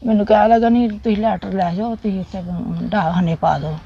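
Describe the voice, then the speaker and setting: This middle-aged woman, a soldier's widow with a Punjabi accent from Jammu, speaks haltingly and plainly about her memories, repeating phrases. Her voice is mid-range and creaky, heard through lo-fi sound with background noise.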